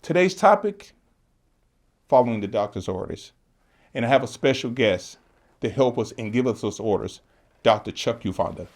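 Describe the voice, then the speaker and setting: A man's voice: mid-range voice, expressive, moderate pace, pauses often. A man hosting a podcast, opening with an upbeat, welcoming introduction and brief affirmations. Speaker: podcast host. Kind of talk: casual podcast interview.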